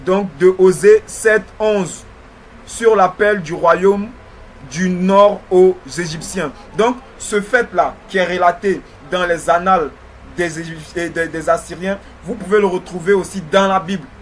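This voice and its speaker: A man's voice: high voice, fairly bright tone, slight background noise. A man with a slight lisp teaching religious history in a didactic way, repeating phrases and checking in often.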